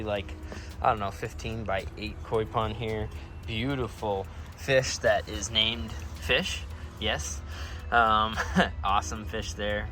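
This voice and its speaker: A builder leads a casual, cheerful on-site tour of a backyard pond being built. He speaks with a fairly low, slightly bright voice. Vehicle noise and general outdoor sound fill the recording.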